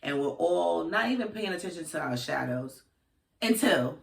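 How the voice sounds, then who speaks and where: A woman with a Brooklyn accent telling stories casually, in informal, animated talk with slang. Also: lowish voice, normal speed, vocal fry. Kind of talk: casual storytelling conversation. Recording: echoey room, distant microphone.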